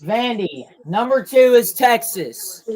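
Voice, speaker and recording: A young man co-hosting a podcast, casually reacting out loud to a sports broadcast and blurting out results. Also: extremely high pitch, animated, takes it slowly, poor audio. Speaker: podcast co-host.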